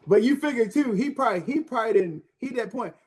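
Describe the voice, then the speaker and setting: A man's voice: extremely high pitch, lively intonation, fast, darkish tone, slightly rough. A man on a discussion panel speaking in a laid-back way, restarting sentences and swearing casually.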